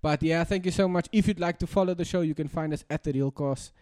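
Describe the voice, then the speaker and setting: Laddish South African man, slightly high-voiced. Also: quick pace, darkish tone. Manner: laddish, bro-heavy slang. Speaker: podcast co-host. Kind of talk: casual podcast banter and outro.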